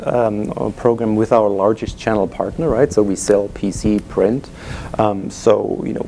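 Before a live audience in an event room, a middle-aged German guest speaker who works as a sales executive talks informally in a German accent, with many "you know" fillers. He has a lowish, warm voice, and there's a slight hiss or hum on the recording.

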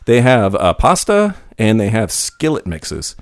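A man's voice: fairly low pitch, unhurried, no room sound. A man hosting a podcast, reading a jokey scripted intro and then chatting casually with friends. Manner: lively, joking, animated delivery. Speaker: podcast host. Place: small room with friends.

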